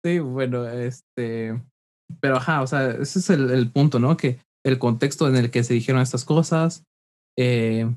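Mexican young male co-host, loose slangy banter, average-pitched voice. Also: unhurried, darkish tone. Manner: slangy, says "güey" constantly. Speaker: podcast co-host. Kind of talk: casual chat.

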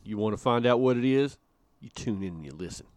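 A man's voice: mid-range voice, expressive, a little mellow, dry recording. A man co-hosting a casual podcast, joking around playfully and stretching words for emphasis. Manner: jokey, playful, drawn-out emphasis. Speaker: podcast co-host.

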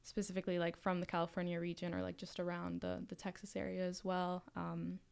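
A woman's voice: on the low side, monotone, a little fast, vocal fry, a little mellow, clear, resonant tone. A young woman from Miami talking casually on a podcast as a student club leader, chatty and full of fillers. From Miami, Florida. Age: young adult. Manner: chatty, with many fillers and restarts.

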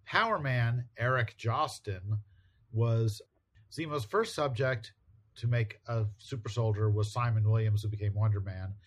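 A man with a mid-range voice co-hosts a casual podcast chat, speaking unhurriedly. He's relaxed and laughs often while recapping a comic book page by page, paraphrasing as he goes.

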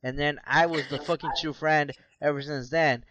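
A boisterous, foul-mouthed man co-hosting a late-night podcast in casual banter. His voice sits a little high for a man. The sound is dry and dull, like a lo-fi remote mic. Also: fairly even intonation, moderate pace, a bit bright, no room sound. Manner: profane and boisterous. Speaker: podcast co-host. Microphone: no webcam, remote mic.

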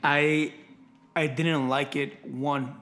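A young man co-hosting a casual film podcast, talking in an animated, emphatic way. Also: fairly high pitch, very slow. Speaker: podcast co-host.

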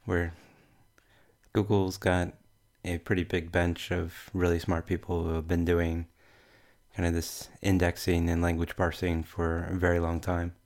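A man with a broad Kiwi accent speaks in a low, very flat voice. He talks as a panelist in a casual tech discussion, measured and halting as he works through his thoughts. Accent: New Zealand. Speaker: podcast panelist.

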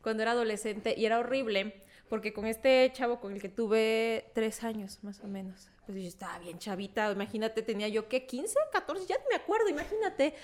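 A young woman hosting a podcast, telling anecdotes in a lively, animated way, acting out quotes and laughing often. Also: fairly high pitch, fairly quick. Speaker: podcast host. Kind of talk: casual chat.

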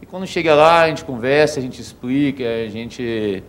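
A man answering as a dentist in a TV interview, calmly explaining things step by step. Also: mid-range voice, moderate pace. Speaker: dentist guest.

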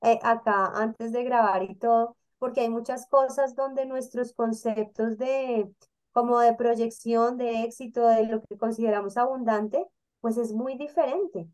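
A woman co-hosting a casual panel talk, explaining emotions in an animated way and acting out the people she quotes. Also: on the high side, a little slow. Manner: animated, acts out quoted voices. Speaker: co-host.

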